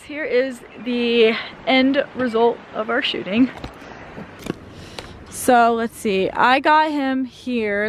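A woman's voice: a little high, a bit bright, slight background noise. A young woman vlogging at a forest campsite, chatting casually with laughs and light swearing. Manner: giggly, laid-back, swears casually. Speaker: van-life vlogger. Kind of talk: casual vlog chat. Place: outdoors at a forest campsite by a van. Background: music.

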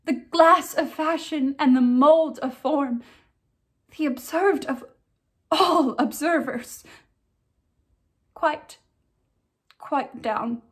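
A young tragic heroine of classical theatre, acted by a woman, speaks in a high voice full of sorrow. She lets her anguish out slowly, grieving through each phrase. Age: young adult. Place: indoors, plain backdrop.

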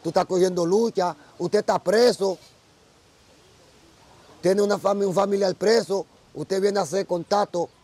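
A man's voice: high voice, fairly even intonation, moderate pace, pauses often, a little mellow. A Dominican man, a Vodou priest, telling stories earnestly in a casual outdoor interview. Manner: earnest storytelling. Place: outdoors by a tree.

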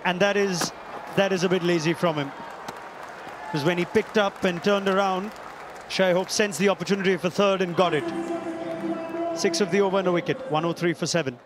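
A man commentating on cricket with lively, emphatic calls. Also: high voice, a little fast, pauses often, crowd noise, background noise.

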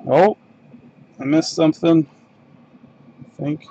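At his desk in a home card room, a Canadian man runs a live-stream box break, mumbling the card names in an easygoing, unhurried way while he opens packs. His voice is fairly high, warm and fairly even in intonation. The sound is lo-fi with a little hiss or hum.

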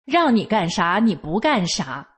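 A woman's voice: medium pitch, sing-song, measured pace, a bit bright, slightly rough, heavily acted. A woman reading aloud, voicing a bullying male police officer who curses and threatens. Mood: threatening. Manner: cursing, threatening, raised voice.

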